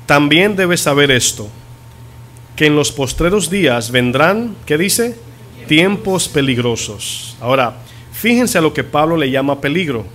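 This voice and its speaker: A man who is a pastor preaching a sermon in a church, asking the congregation questions and drawing out key words slowly for emphasis. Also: on the high side, fairly bright tone, slight background noise. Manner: teaching, asks the congregation questions.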